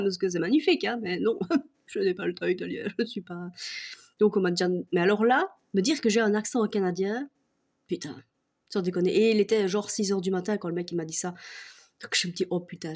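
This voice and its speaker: A woman vlogger doing a humorous rant to camera, swearing freely and laughing often between remarks. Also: medium pitch.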